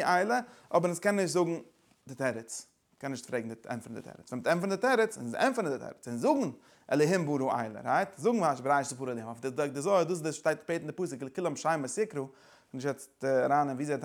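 A man lecturing like a teacher, driving his explanation forward with repeated phrases and words from several languages. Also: on the high side.

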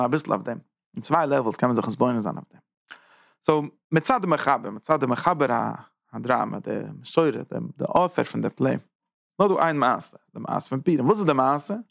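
A man teaching a religious class in a lively way, repeating phrases, asking rhetorical questions and jumping up in pitch to stress points. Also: gravelly, dry recording, studio quality. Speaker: Torah teacher giving a class.

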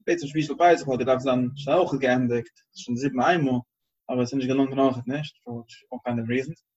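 A husky-voiced man teaches a Torah class, thinking out loud and circling back over his words as he reasons. The recording is dull and lo-fi. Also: medium pitch, fairly even intonation. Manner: halting, searching, repeats phrases while reasoning.

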